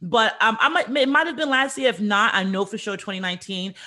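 A woman from the Bronx hosting a casual interview, animated and chatty. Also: mid-range voice, fast. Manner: animated, chatty, says y'all and dope. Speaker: host.

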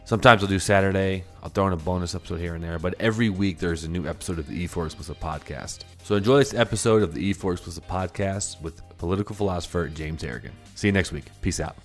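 A young man hosting a podcast in casual chat, upbeat and quick to laugh. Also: deep voice, faint music behind. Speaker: podcast host.

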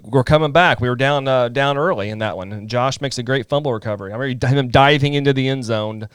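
A man co-hosting a casual sports talk, recalling things in a rambling, halting way. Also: medium pitch, smooth, no room sound, studio quality. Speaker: podcast co-host.

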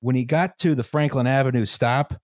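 A man's voice: medium pitch, fairly even intonation, fairly quick, dry recording, studio quality. A man hosting a casual history podcast, explaining at length with many fillers and checks of "right?". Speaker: podcast host presenting the history.

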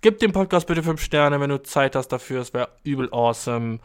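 On his podcast, a man goes through listener letters and responds in loose slang laced with English terms and profanity, animated and prone to sudden high-pitched exclamations. His voice is fairly quick and clean in tone.

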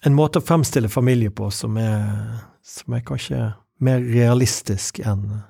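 A man interviewing a poet in halting, casual speech with many restarts. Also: mid-range voice, vocal fry, mellow, breathy edge, no echo, clean studio sound. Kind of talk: hesitant conversational interview.

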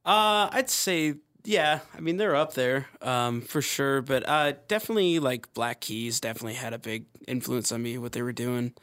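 Male singer, late 20s, laid-back and halting, mid-range voice. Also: mid-range voice, fairly bright tone, clear, resonant tone. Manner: easygoing, hesitant with fillers. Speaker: band singer. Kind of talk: casual interview chat.

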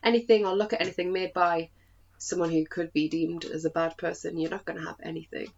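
A woman's voice: fairly low pitch, little pitch movement, fairly quick, gravelly, darkish tone. A woman talking as a podcast guest in a casual chat. She laughs often and jokes about herself. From northern England. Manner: giggly, self-mocking, laughs often. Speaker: guest, burlesque performer. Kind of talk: casual video-call chat. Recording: slightly dull lo-fi audio with faint noise.

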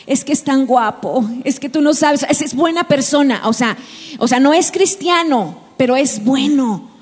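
A woman's voice: sits high, moderate pace, natural voice. A woman doing a smitten young girl, gushing, slightly raised voice, long hall reverb. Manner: gushing, pleading.

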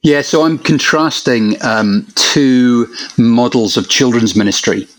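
A man's voice: mid-range voice, slow, low-quality recording. A man from England, a minister answering interview questions hesitantly with many ums over a video call. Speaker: minister, podcast guest. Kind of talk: casual interview.

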